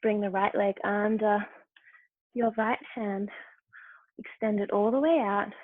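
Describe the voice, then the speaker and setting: A woman's voice: medium pitch, fairly even intonation, unhurried, no room sound. A woman guides a yoga class with brief, upbeat cues for breath and posture. Her voice comes through narrow and tinny, like a phone line, with a dry, close sound and no room around it. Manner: short encouraging movement cues. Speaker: yoga instructor.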